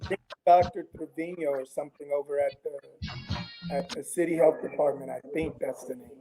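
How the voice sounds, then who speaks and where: A man chatting casually as a show guest, speaking haltingly and repeating words as he searches for the next one. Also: fairly high pitch, steady tone, over loud music, low-quality recording. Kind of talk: casual chat.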